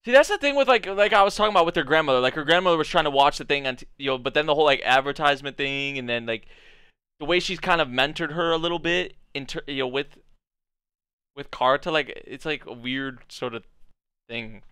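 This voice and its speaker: A young man comments casually as he watches, thinking aloud in halting, informal bursts. His voice is very clean and smooth with a bright edge. It is picked up dry and close on a headset in a small room. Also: a little high, no echo. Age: young adult. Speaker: anime reaction video host. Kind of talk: casual live reaction commentary. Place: small indoor bedroom or study.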